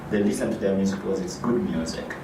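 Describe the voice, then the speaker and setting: A low-voiced man who directs an arts foundation answers interview questions at a quick pace, full of fillers and restarts. The recording is noisy, in an echoey room with the mic far away.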